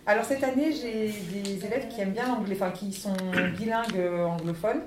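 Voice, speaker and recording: A woman's voice: medium pitch, brisk. A woman teacher answering interview questions in a chatty, teasing way, laughing often. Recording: echoey room, distant mic, faint noise.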